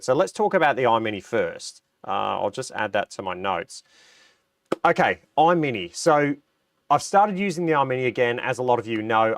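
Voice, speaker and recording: A man's voice: mid-range voice, no room sound, clean studio sound. Nasal Australian man with a cold. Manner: chatty, reads out viewer comments, frequent ums and restarts. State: recovering from a cold, a bit nasal. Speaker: livestream host. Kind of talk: casual livestream chat.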